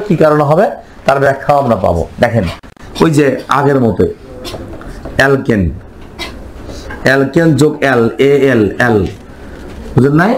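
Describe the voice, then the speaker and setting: A man's voice: fairly high pitch, a little hiss or hum, poor audio. Male teacher quizzing his class. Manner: quizzing the class with repeated questions. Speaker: chemistry teacher. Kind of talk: classroom lecture.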